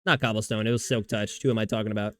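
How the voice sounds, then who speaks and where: A man's voice: lowish voice, steady tone, rapid-fire, a bit bright, no echo. A man streaming a video game, chatting casually with viewers in a rambling way, swearing often and restarting his sentences. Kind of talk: casual livestream chat while gaming.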